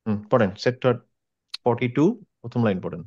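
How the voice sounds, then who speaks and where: A man's voice: medium pitch, a little fast, a little mellow, dull audio. A man teaching an online Quran reading class, patiently demonstrating how each letter is pronounced by repeating it.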